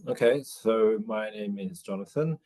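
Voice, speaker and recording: A man's voice: lowish voice, unhurried, warm tone. A man in his forties from Australia, talking through his thoughts in a casual interview, hesitant, with many restarts and fillers. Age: 40s. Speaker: interview guest, new father.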